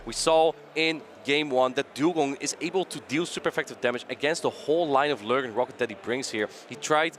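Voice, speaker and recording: A man doing live tournament commentary, talking quickly and excitably and repeating himself as he thinks. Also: medium pitch. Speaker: esports commentator.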